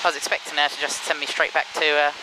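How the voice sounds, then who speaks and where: A man's voice: fairly high pitch, flat delivery, fast. A young man speaking as a pilot over a cockpit headset, in clipped procedural phrases, inside a small aircraft. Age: young adult. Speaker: private pilot and vlogger. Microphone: aviation headset boom mic. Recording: loud aircraft engine noise, headset intercom.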